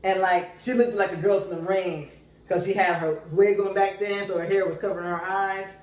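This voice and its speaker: Speaking at a moderate pace in a high-pitched voice, a young man animatedly tells a funny story and performs the voices of the people in it. The recording comes from some distance away in a room full of echo.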